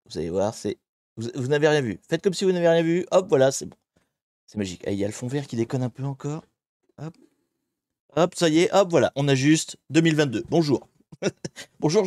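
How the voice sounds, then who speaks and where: A man hosting a casual live hacking stream from a home green-screen setup, lively and joking as he greets viewers one by one on a desk microphone. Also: mid-range voice, dry recording, clean studio sound.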